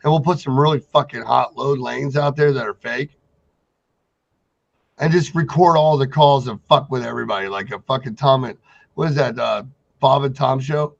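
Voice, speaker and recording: A man's voice: medium pitch, moderate pace, gravelly. A man co-hosting a trucking talk show in casual banter, rambling and blunt, with heavy swearing. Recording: dull lo-fi audio.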